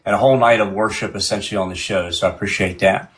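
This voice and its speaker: A man's voice: lowish voice, steady tone, fast, a bit bright, a little hiss or hum. A man hosting a live-stream music show in a casual, chatty way, often repeating and restarting his phrases.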